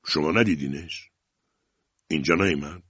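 A man's voice: extremely low pitch, fairly bright tone, breathy edge, no echo, dull audio, exaggerated voice. A man reading an audiobook, voicing a brusque police commissioner who talks in a curt, official way. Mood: stern. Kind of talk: audiobook character voice.

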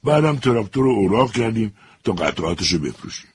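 A slow, drawn-out prisoner, voiced by a man with a very low, deep voice. He talks in a self-pitying way, stretching his words as he pleads his case. A faint hiss sits behind him. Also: sing-song. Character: slow-talking unshaven male prisoner feigning madness.

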